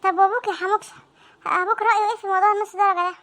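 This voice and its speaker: A woman with an Egyptian accent voicing panicky teenage students in a comic cartoon, talking in frantic, squeaky chatter. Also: steady tone, racing, a bit bright. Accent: Egyptian Arabic. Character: panicky teenage students dreading exam results.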